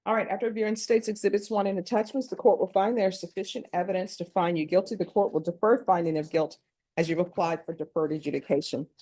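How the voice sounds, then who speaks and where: Courtroom recording: a woman judge with a mellow, dark voice and a brisk, formal delivery. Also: lowish voice, fairly even intonation, rough recording. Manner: brisk, formal, reads set questions. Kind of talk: formal plea admonishments.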